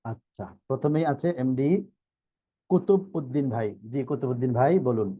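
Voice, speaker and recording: A man teaching Quran recitation in an online class, drilling each syllable slowly and repeating the sounds, with a Bangladeshi Bengali accent. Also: mid-range voice, dull audio. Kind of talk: online tajweed class instruction.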